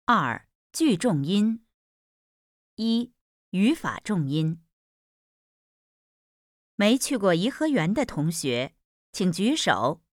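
A woman's voice: medium pitch, big pitch swings, takes it slowly, long pauses, no room sound, studio quality. A woman reading demonstration sentences for a pronunciation lesson, enunciating each one carefully in a textbook-recording style. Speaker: Mandarin pronunciation lesson reader. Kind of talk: slow, deliberate textbook recording.

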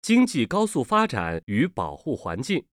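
For a Mandarin pronunciation lesson, a man reads drill words and sentences in a slow, deliberate textbook style, enunciating each with care at an unhurried pace. His medium-pitched voice makes huge pitch swings, captured in clean studio sound with no echo.

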